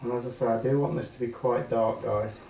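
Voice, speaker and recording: A resin artist chats through a pour in a brisk, mid-range voice he himself calls monotone, plain and even. He's hesitant, says um often, and thinks aloud, switching plans mid-stream. Recorded at a distance in an echoey room on a built-in camera mic since his usual one is out of action, with slight background noise.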